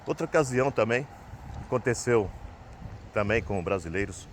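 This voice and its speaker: Brazilian guy rambling through a story, lowish voice, bit of traffic noise outside. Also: lively intonation, moderate pace. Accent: Brazilian Portuguese. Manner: rambling, tags sentences with "né?". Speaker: vlogger. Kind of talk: casual personal storytelling.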